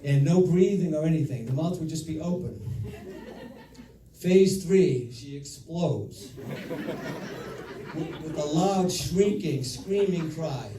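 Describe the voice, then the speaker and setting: Middle-aged male, slightly high voice, father of the bride speech with comic storytelling, echoey room with audience. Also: animated. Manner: storytelling with deliberate pauses and repeated phrases. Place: reception room before an audience. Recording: echoey room, distant mic, audience noise. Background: audience laughter and crowd noise.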